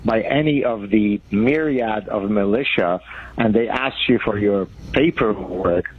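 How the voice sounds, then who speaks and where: A man's voice: fairly low pitch, unhurried, husky, dull audio. A man around sixty, from Lebanon, a guest author explaining his ideas in an articulate, professorial way. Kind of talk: radio interview.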